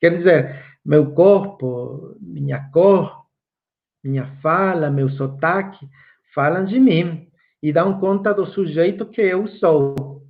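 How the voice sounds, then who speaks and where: A man from Guatemala, a native Spanish speaker with a Guatemalan accent, gives an online course lecture at a slow, reflective pace with frequent fillers. His voice is fairly high-pitched and creaky, and the sound is phone quality.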